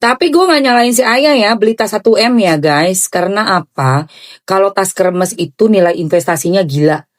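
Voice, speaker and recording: A woman giving excited, gushing reaction commentary on celebrity gossip in chatty slang. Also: medium pitch, normal speed.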